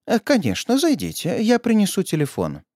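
A man voicing an elderly German woman teacher who is delicate and polite but turns shrill and furious when hurt or robbed. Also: huge pitch swings, normal speed, darkish tone, dry recording, studio quality, heavily acted.

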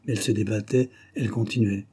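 Reading a classic novel aloud for an audiobook, this male narrator has a lowish, slightly rough voice and a measured, expressive delivery.

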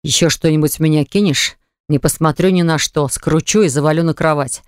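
A woman voicing a pushy, demanding young man who speaks bluntly and insistently, lower than her own voice. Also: fairly quick, clear, resonant tone, no echo, studio quality, close to an everyday voice.

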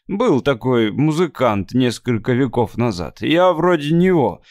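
A man's voice: mid-range voice, sing-song, measured pace, a little mellow, dry recording, studio quality. A man voicing a tipsy, flippant male inventor who grumbles and mocks in an audiobook. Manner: grumbling, mocking.

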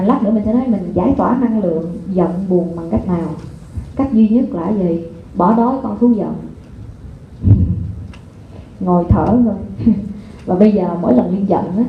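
A woman giving a live parenting seminar, talking lively and constantly asking the audience rhetorical questions. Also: medium pitch. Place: lecture hall before an audience. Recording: echoey hall over a phone-like line, faint noise.

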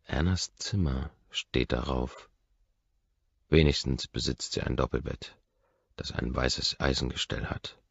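Male audiobook narrator, measured and softly intense; very low, gravelly voice. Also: fairly even intonation, no room sound, muffled recording. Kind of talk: first-person audiobook narration.

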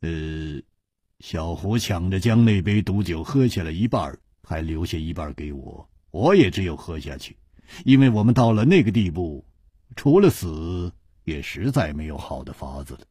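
A man voicing a cold, terse male swordsman who speaks flatly. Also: low voice, moderate pace, breathy edge, dry recording, studio quality, voice pushed down, full character voice.

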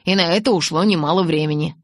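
A woman's voice: on the low side, fast, dry recording, clean studio sound, natural voice. A woman reading as a sulky teenage boy. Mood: earnest. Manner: pleading, then moping and pressing.

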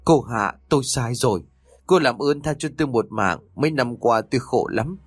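A guilty old village man, cowardly and desperate, his voice pushed up high and shaky, as a male narrator puts him on. He pleads in a husky, panicky tone, with a lively, swinging pitch. The recording is close and dry. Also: normal speed, dry recording, soft background music. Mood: pleading. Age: older.

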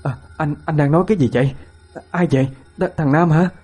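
A woman's voice: low voice, brisk, mellow, slightly rough, soft background music, voice pushed up. A man voicing a frightened young wife in a ghost story, stammering and panicky, in a raised voice.

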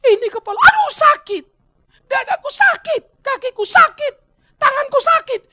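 Man putting on a shrill whiny know-it-all patient. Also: big pitch swings, very fast, heavily acted. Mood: whining. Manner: shrill, complaining, yelling.

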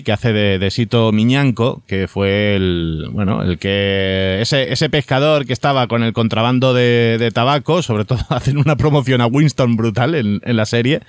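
A man talks casually on a podcast, rambling through his thoughts with fillers and restarts. His voice is smooth and resonant, at a middling pitch. The sound is dry and close. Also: normal speed, hardly any pauses, no room sound. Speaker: podcast co-host. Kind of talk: casual chat about TV series.

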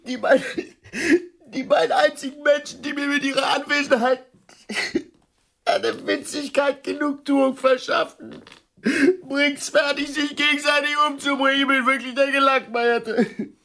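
A woman's voice: sits high, flat delivery, unhurried, fairly bright tone. A ranting self-pitying clown of a woman. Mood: furious. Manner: theatrical ranting tirade. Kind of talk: radio drama acting.

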